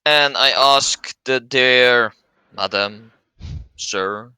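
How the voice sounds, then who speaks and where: A man's voice: mid-range voice, drawn-out words, bright, forceful tone, clear, resonant tone, no room sound, rough recording. A man with a Flemish accent playing in a tabletop game, stammering and repeating words. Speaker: player.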